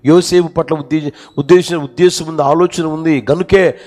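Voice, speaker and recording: A man's voice: fairly high pitch, steady tone, moderate pace, darkish tone. A man preaching a sermon in a church, telling stories with passion and repeating his phrases. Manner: impassioned storytelling, repeated phrases. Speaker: pastor.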